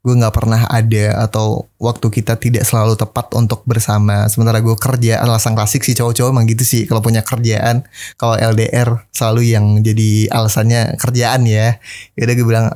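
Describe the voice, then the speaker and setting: A man's voice: medium pitch, darkish tone. A young man telling a story in a casual podcast monologue, laughing often and acting out the lines of the people in it. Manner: chatty, laughs often, acts out quoted lines. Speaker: podcast host.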